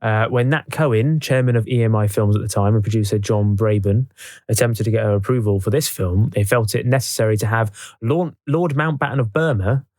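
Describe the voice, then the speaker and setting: A man's voice: fairly low pitch, brisk, darkish tone, dry recording, clean studio sound. A young man co-hosting a podcast, chatting and reading out film facts and quotes, laughing often. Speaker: podcast co-host. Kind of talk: casual chat, reading film history.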